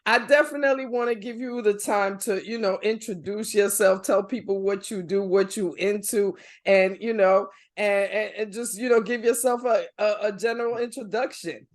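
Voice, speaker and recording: A man's voice: high voice, fairly even intonation, moderate pace, few pauses. A man hosting a podcast in casual chat, slangy and wordy, often hesitating as he goes. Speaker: podcast host.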